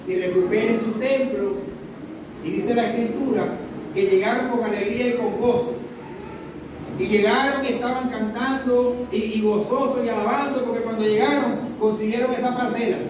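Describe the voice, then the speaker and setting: A man preaching a sermon as pastor, emphatic and repeating calls for his congregation to listen closely. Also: sits high. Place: church hall. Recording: echoey church room from far off, noisy.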